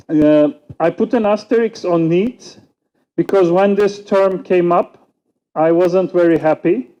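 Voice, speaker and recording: A native Turkish speaker from Turkey talks as a conference panelist in a measured, reflective manner, pausing a great deal, and his accent is Turkish. The voice is high and mellow, while the audio is dull.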